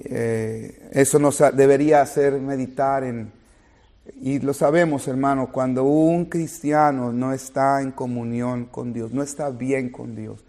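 A man preaching a sermon, climbing to loud emphatic peaks and sinking low and soft, restarting phrases as he goes. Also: creaky. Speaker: pastor.

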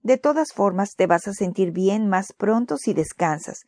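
A woman voicing a caring mother who talks softly and slowly. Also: medium pitch, lively intonation, dry recording, studio quality, natural voice. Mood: compassionate. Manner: soft, slow, compassionate. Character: caring mother, gentle and sensible.

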